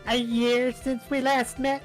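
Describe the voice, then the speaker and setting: A man's voice: extremely high pitch, little pitch movement, a little slow, faint music behind. A man doing a woman's voice, playing a chatty, clingy old lady witness in an amateur video game dub. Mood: coy, chatty.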